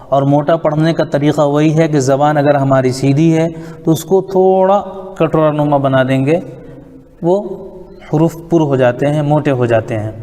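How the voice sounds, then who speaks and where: A man teaching Quranic letter pronunciation, explaining calmly and repeating each letter slowly for practice. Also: a little high, big-room sound. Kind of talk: tajweed lesson on letter articulation.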